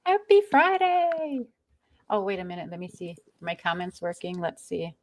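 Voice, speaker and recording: A woman's voice: fairly low pitch, completely flat delivery, brisk. A woman hosting a casual live stream, laughing often and greeting viewers in the chat by name. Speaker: livestream host.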